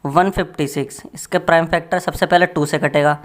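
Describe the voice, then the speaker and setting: A man's voice: a little high, fairly even intonation, fairly quick. Joking, chatty male maths tutor. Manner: chatty and joking, addressing students as friends. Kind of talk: casual classroom lesson.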